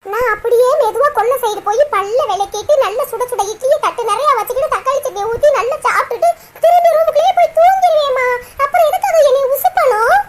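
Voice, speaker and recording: Cartoon woman as a squeaky young wife, Kanyakumari Tamil, chatty and sulky. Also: fast. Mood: complaining. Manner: chatty, aggrieved storytelling. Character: young married woman, sulking, lazy, complaining. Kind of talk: cartoon voice acting.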